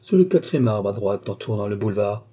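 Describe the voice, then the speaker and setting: A man voicing a suave, mysterious count who speaks with smooth, polite assurance in an audiobook. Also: lowish voice, lively intonation, a little fast, dark tone. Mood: assured.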